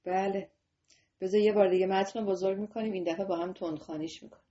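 This online religious lesson for children is led by a woman who talks directly to her students and asks them questions. She has a medium-pitched, steady, warm voice, though the audio is dull.

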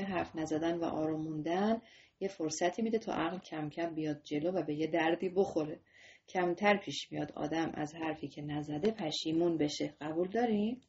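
A woman's voice: fairly low pitch, darkish tone, dull audio. A woman teaching a religious lesson to children on a video call. She talks straight to her students and asks them questions. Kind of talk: online class to children.

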